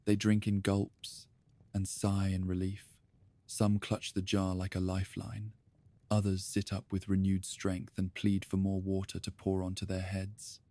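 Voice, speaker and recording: A man narrating a bedtime history story in a calm, soft-spoken, even manner, addressing the listener as "you". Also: sits low, a little slow, no echo.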